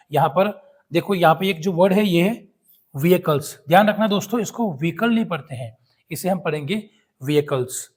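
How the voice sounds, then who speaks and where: Husky-voiced man teaching vocabulary. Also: a little high. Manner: reads each example sentence very slowly and twice, then explains it. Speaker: English teacher. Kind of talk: vocabulary lesson.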